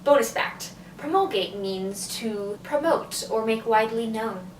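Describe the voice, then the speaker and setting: A young woman with a slightly high voice co-hosts a casual scripted video, bubbly and enthusiastic. The recording is roomy and echoey. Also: a little slow, a little hiss or hum. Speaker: co-host. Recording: echoey room, mic at a distance.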